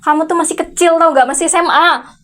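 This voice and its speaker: A woman's voice: very high voice, steady tone, fast. A woman in an ASMR role-play voicing a furious, unmarried rich aunt who runs a company and is scolding her teenage nephew with sarcastic, challenging questions. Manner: scolding, sarcastic, repeated sharp "hah?" challenges. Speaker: VTuber role-play creator.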